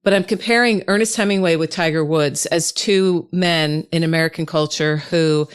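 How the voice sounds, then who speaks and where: A woman's voice: sits low, normal speed, clear, resonant tone. A woman hosting a podcast interview, chatty and reflective as she talks and often affirms her guest. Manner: chatty and reflective, with frequent affirming murmurs and laughs. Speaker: podcast host.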